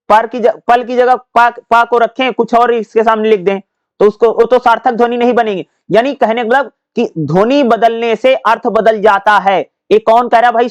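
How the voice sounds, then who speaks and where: A man with a high, smooth voice teaches an exam-prep lesson. He keeps asking his students rhetorical questions and calls them brother. The sound is close and dry. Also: dry recording. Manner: explains with repeated rhetorical questions; addresses listeners as brother.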